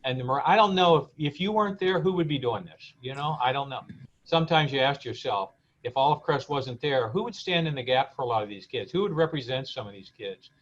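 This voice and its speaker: A man's voice: medium pitch, lively intonation, a little fast, a bit bright. Man hosting, dull lo-fi sound. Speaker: event host interviewing guests. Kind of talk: casual live-stream interview. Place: remote live video stream. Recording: dull, lo-fi call audio.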